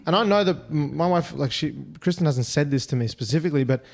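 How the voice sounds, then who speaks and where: Quick-talking man, rambling with "like". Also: a little high. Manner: rambling, restarts, many "like" fillers. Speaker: podcast co-host. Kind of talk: casual podcast chat.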